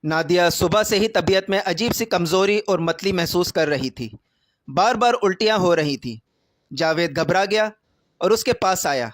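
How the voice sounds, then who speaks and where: A man narrating a scripted romance story in a steady, even reading style. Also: sits high, dry recording.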